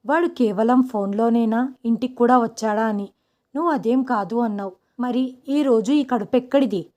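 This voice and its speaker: Mellow woman narrating a story. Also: on the high side. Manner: reads every part herself, quoting the brother and uncle in her own voice. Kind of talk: first-person story narration.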